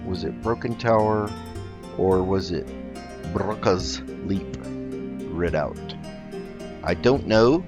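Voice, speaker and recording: In a deep voice, slowly and with long pauses, a man chats his way through a casual roleplay let's play as its host, reasoning aloud. The recording has a slightly dull mic and faint game music beneath.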